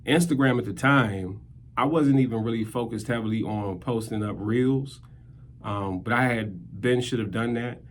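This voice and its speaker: Brief: slangy, easygoing male creator, mid-pitched voice, talking-head story. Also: moderate pace, a little hiss or hum. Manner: laid-back and slangy. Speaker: skit creator and rapper.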